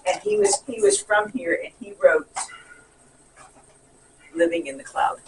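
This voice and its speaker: A man's voice: high-pitched, a little slow, distant mic, noisy background. A man in casual group talk, filling in local history details.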